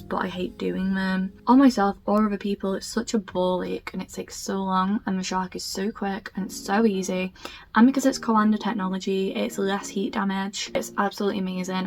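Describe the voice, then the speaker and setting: A young woman chatting through hair product recommendations in a gushing, emphatic, casual way. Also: mid-range voice. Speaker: beauty vlogger.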